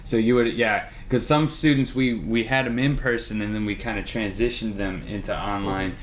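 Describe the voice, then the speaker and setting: A man's voice: on the low side, steady tone, normal speed, slight background noise. A man co-hosting a casual chat about coffee and music lessons, easygoing and agreeable. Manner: easygoing, agreeable, frequent laughter and short affirmations. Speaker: music teacher and co-host.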